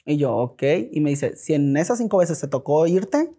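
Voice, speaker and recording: A man's voice: fairly high pitch, moderate pace, husky. A man with a Mexican accent, a podcast guest telling a story in casual talk, swearing freely and acting out the dialogue. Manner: animated, swears freely, acts out quoted dialogue.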